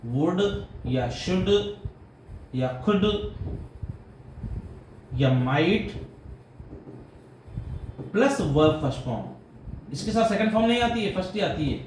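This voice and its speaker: A man with a fairly high voice, teaching grammar with an Indian English accent. He works through the rules step by step, firing questions at his students as he goes. The room sounds roomy and echoey, with a faint hiss underneath. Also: expressive, slow pace, pauses often, a little mellow. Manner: explains step by step, quizzes students with questions, calls them "beta". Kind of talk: classroom grammar lesson. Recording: echoey room with light background noise.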